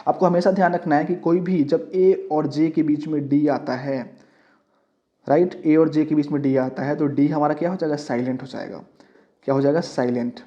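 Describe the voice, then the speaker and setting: This man's voice is a little high, with fairly even intonation and a normal pace. Teaching an English lesson for an exam, he slips English terms into his explanations and fires off questions he answers on his own. It's classroom-style, in dull lo-fi sound.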